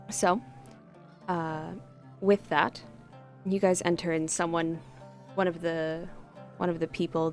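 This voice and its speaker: A woman's voice: deep voice, creaky. A woman acting as game master, narrating a tabletop game in a rambling way with many fillers.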